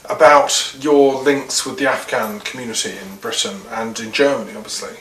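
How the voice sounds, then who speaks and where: A host conducts an interview, guiding the guest along with brief questions and frequent acknowledgements. The voice sits at a moderate pitch and is recorded from a distance in a large, reverberant room. Faint background noise stays underneath. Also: moderate pace, fairly bright tone. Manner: friendly, prompting with short questions and murmured acknowledgements. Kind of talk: casual interview chat.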